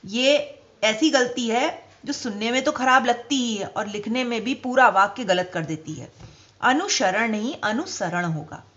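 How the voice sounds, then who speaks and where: A woman teacher giving a spelling lesson to children, speaking slowly and deliberately and stressing each example word. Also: on the high side, fairly bright tone, muffled recording.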